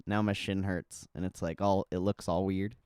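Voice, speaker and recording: A man's voice: low voice, level tone, normal speed, a little mellow, clean tone, no echo, clean studio sound. A young man chatting casually on a livestream like a laid-back crypto bro, slangy and sweary. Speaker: livestream host.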